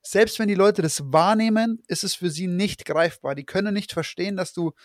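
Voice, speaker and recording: Man, casual podcast host, rambling, fillers, fairly high pitch, dry sound. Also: moderate pace, no room sound. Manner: rambling, frequent fillers and restarts. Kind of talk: casual conversation.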